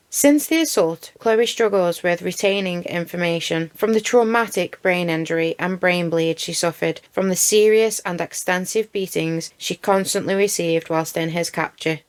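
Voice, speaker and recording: A woman's voice: on the low side, smooth. A woman hosting a true crime channel, recapping a case with outraged, emphatic commentary and swearing.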